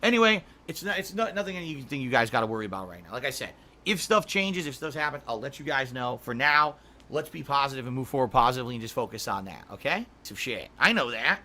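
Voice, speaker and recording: Bright-voiced man rambling on a livestream. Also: mid-range voice, big pitch swings, quick pace. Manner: rambling, restarts often, clears throat a lot. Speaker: streamer. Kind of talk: casual livestream chat reading viewer messages.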